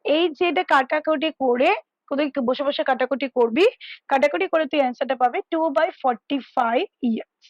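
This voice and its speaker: Woman math tutor, high voice, dry close sound, patient step-by-step explainer on a headset call from home. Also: moderate pace, no room sound, lo-fi sound. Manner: explains step by step, checks in often. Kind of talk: casual tutoring over a call. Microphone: headphones.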